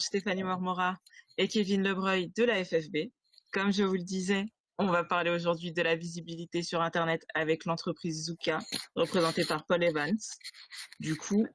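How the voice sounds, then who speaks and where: A woman's voice: lowish voice, no room sound. Dry-voiced woman moderating a webinar. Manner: friendly, slightly flustered introductions. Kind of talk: hosting a webinar. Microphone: video call.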